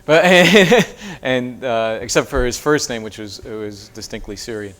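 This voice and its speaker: A man's voice: mid-range voice, lively intonation, measured pace, fairly bright tone. A man giving a university lecture and answering audience questions, speaking thoughtfully with many fillers and restarts. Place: lecture hall.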